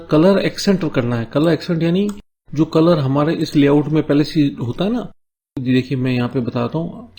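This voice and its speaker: A man whose voice is a little high with a darkish tone runs a screen-recorded coding tutorial. Each step gets a Hindi explanation and a frequent "है ना?", while English task notes are read slowly in between.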